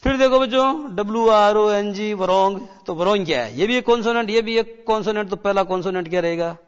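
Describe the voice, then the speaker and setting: A male teacher giving a classroom lecture, repeating key words, quizzing the children and slowing down to read English lines. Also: sits high, clean tone. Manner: slows right down when reading English lines. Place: broadcast studio. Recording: dull sound with long hall reverb.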